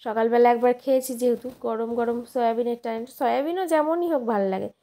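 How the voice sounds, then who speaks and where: A woman's voice: fairly high pitch, fast talker, warm tone. A young woman narrating her daily vlog in a chatty, rambling way, often correcting herself mid-sentence. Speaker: vlogger and schoolteacher.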